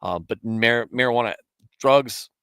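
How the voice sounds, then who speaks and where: A man's voice: mid-range voice, a little slow, fairly bright tone, clear, resonant tone, dry recording. A man in his thirties hosting a casual live stream, answering viewers in a rambling, self-correcting way and chuckling often. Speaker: streamer hosting a Bible show.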